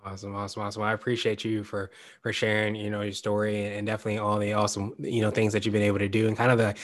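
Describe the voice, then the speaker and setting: Fast-talking upbeat podcast host man. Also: fairly low pitch, completely flat delivery. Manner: upbeat, repeats "awesome" and restarts phrases. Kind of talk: podcast interview.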